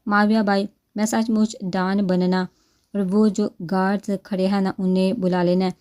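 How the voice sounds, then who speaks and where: A woman's voice: medium pitch, flat delivery, darkish tone, close to an everyday voice. A woman reading the lines of a spirited young bride who bosses her relatives around. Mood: bossy. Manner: bossy, demanding.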